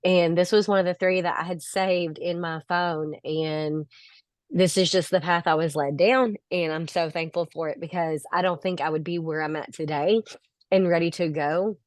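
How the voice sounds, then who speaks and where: Low-voiced woman, emotional graduation speech. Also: fairly even intonation, moderate pace, no echo. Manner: earnest, fighting back tears, rambling. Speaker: graduating health coach student. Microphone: phone on a video call.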